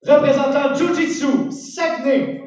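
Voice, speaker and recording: A woman announcing fighters like a boxing ring announcer, formally, with drawn-out proclaimed names. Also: high voice, steady tone, darkish tone. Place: large echoey event venue. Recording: echoey hall PA from far off, noisy.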